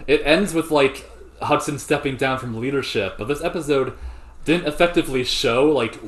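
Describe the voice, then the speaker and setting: A man's voice: medium pitch, moderate pace. A man co-hosting a podcast in casual chat, blunt and sarcastic, swearing freely. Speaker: podcast co-host.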